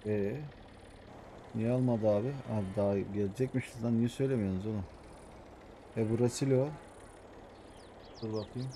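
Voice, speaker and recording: A man with a Samsun accent, an adult with young kids, giving hushed, muttering commentary over a farming game, as his channel's host. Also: fairly low pitch, steady tone, normal speed, pauses often, a little hiss or hum. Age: adult with young children. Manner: talks quietly, mutters to himself. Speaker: gaming YouTuber.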